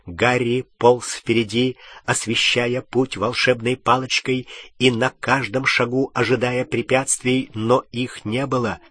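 A man reading a fantasy novel aloud as audiobook narration, measured and even. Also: medium pitch, slightly rough, no room sound.

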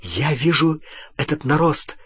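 A man voicing an anxious young wizard who talks in hurried, breathless bursts. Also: fairly high pitch, expressive, a bit bright, husky, no echo, exaggerated voice.

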